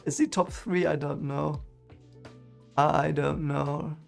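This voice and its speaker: Here a streamer reading a book series talks to his live chat about his book in a casual, rambling way, stumbling through fillers and restarts. German is his first language and it shows in his accent. His voice is on the high side, steady and creaky, and he goes slowly while faint music plays.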